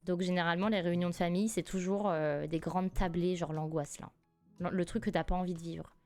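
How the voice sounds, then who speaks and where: Young woman streamer, animated storyteller, faint music underneath. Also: on the low side, a little fast. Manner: animated, laughs often, rises sharply when indignant. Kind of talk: casual live-stream storytelling.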